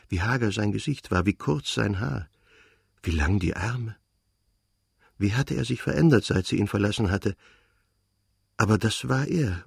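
A man narrating a literary novel as an audiobook reader, in a measured, calm reading. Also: fairly low pitch, gravelly, slightly rough, no room sound, clean studio sound.

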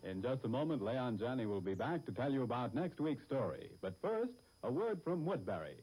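Animated old-time radio announcer, man. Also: medium pitch, fairly quick, over music, low-quality recording. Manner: polished, formal sales delivery. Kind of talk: 1940s old radio announcer, scripted sponsor reading. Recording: vintage radio broadcast recording.

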